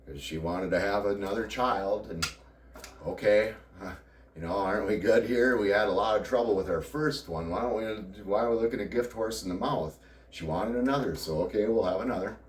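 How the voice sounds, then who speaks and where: A man's voice: lowish voice, a little fast, a little hiss or hum. A middle-aged man speaking candidly and at length about his life, rambling with wry laughs. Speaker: vlogger. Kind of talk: personal confessional monologue. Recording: roomy sound, distant from mic.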